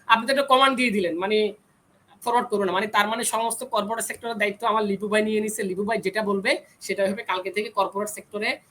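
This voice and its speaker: A young engineering student on a discussion panel speaks in a high voice that is steady yet quick and sharp. He argues insistently in the heated debate and pushes back when cut off. There's slight hiss or hum in the rough recording.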